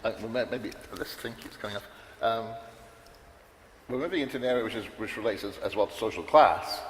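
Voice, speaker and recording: Speaking fairly quickly in a fairly low voice, this panelist meanders without a script, restarting often and leaning on fillers. The large hall lends heavy reverb, and a faint background noise is present.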